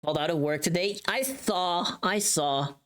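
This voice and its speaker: This streamer has a lowish voice and an animated delivery at a moderate pace. While she works on recording, she talks candidly with viewers, swearing casually and answering what comes up in chat.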